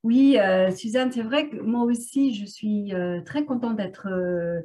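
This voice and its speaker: A woman's voice: mid-range voice, slow pace, mellow. A woman therapist talking casually on a video call, hesitant and full of filler sounds. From France. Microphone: video call microphone.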